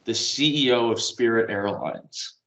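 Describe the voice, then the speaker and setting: A man's voice: medium pitch, a little slow, a bit bright. A man casually chatting on a podcast from home, rambling and meandering with little chuckles. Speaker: podcast co-host. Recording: roomy echo.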